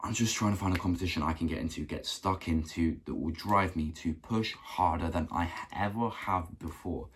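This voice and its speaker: A young man giving an earnest motivational talk to camera, repeating phrases for emphasis and clearing a rough throat. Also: deep voice. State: keeps clearing his throat. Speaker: self-improvement vlogger.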